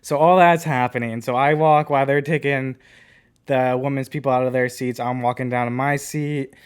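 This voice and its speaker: A man's voice: mid-range voice, steady tone, normal speed, clear, resonant tone. A man co-hosting a podcast, casually telling a rambling story full of filler words. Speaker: podcast co-host.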